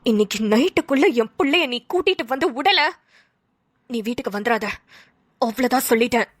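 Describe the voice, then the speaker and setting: A woman's voice: high-pitched, animated, brisk, pitched below the performer's own voice. Woman putting on a stern commanding mother. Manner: harsh, clipped orders. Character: stern grieving mother, commanding her son. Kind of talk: dubbed cartoon voice acting.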